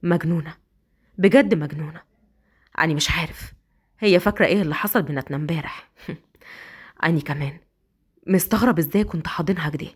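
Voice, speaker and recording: A woman's voice: deep voice, quick pace, pauses often, husky, voice pushed down. A woman with an Egyptian accent voicing a stern, suspicious young husband who speaks coldly and accusingly, in a storybook romance. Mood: muttering. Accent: Egyptian Arabic. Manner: cold, accusing, then muttering to himself.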